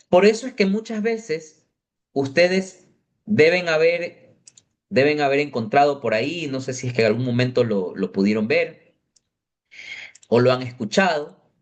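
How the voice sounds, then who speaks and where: A man teaching an adult catechism class in a parish classroom, explaining step by step and often checking that his students follow. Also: fairly high pitch.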